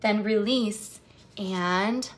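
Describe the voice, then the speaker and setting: This is a woman with a mid-range voice who reads a children's picture book aloud and hosts the young viewers. Her phrasing is long and expressive, and she keeps asking the kids questions to encourage them.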